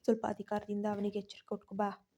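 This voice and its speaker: A woman voicing a hot-tempered young man who scolds his frightened cousin in quick, forceful bursts, in a storybook reading. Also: high voice, monotone, slight background noise. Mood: scolding.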